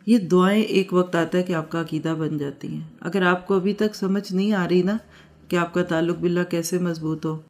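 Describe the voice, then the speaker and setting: A woman's voice: fairly low pitch, a little mellow. Earnest woman teaching devotional prayers. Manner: earnest, heartfelt and exhortative; addresses listeners directly with everyday examples. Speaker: Islamic religious teacher.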